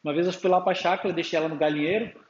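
Preaching to a congregation in a church hall, this man keeps drawing amens from the crowd and plays out dialogues with his daughter. He speaks rapid-fire in a high, steady tone, recorded with echo, a dull quality and a faint hum.

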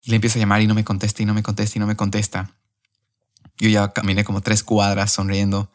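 A young man on a podcast, telling a personal story in an emotional, animated way. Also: lowish voice, fast talker. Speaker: podcast host.

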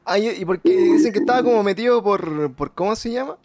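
A man's voice: sits high, animated, quick pace, a little mellow, dry recording, soft background music. A Chilean man chatting casually in a rambling, slangy way, with lots of restarts. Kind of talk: casual chat.

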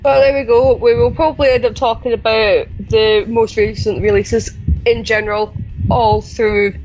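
A woman's voice: a little high, fairly even intonation, moderate pace, a little mellow, muffled recording, soft background music. A woman with a mixed Edinburgh and Glasgow Scottish accent, hosting a podcast in a casual, chatty style. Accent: Scottish, Edinburgh and Glasgow mix. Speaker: podcast host. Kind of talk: casual chat.

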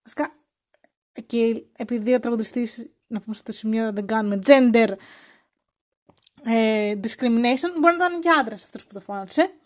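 High-voiced playful woman podcaster. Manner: playful and teasing, acts out quoted lines. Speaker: podcast host. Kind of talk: casual podcast commentary.

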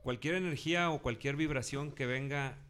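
A man in casual chat, speaking haltingly with many restarts. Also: medium pitch, fairly bright tone, clear, resonant tone. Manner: hesitant, halting, restarts words.

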